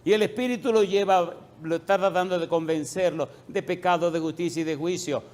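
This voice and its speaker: Middle-aged pastor guy preaching, kinda high voice, gets real soft and low at the end of lines. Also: a little fast. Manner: emphatic preaching with repeated questions to the congregation. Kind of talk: sermon.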